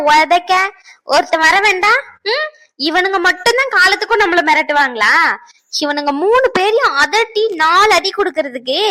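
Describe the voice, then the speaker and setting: A woman's voice: very high voice, bright, forceful tone, full character voice. A woman voicing a bossy, teasing young woman in a cartoon, giving orders and joking. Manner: teasing, commanding. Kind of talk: cartoon voice acting.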